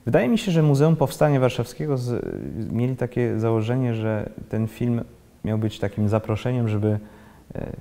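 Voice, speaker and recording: A man in his thirties who grew up in Switzerland, an actor being interviewed, talking haltingly and restarting often as he searches for words. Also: medium pitch, warm tone, long reverb tail. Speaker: actor, guest. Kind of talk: casual interview talk. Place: indoor library room with bookshelves, seated in armchair.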